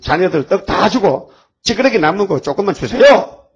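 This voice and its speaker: A man's voice: high-pitched, animated, normal speed, breathy edge, highs cut off, heavily acted. A male preacher acting out a desperate Canaanite mother who begs for her daughter's life. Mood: pleading. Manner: raised, imploring.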